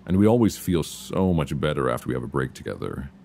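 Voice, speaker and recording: An ASMR voice performer plays an affectionate, reassuring young boyfriend on vacation, speaking in a very deep, gravelly, soothing male voice that sometimes turns sing-song and exaggerated. The mood is relaxed and loving, and the delivery soft, intimate and unhurried. It's recorded binaurally on a close mic with faint background noise, as an intimate, casual roleplay chat.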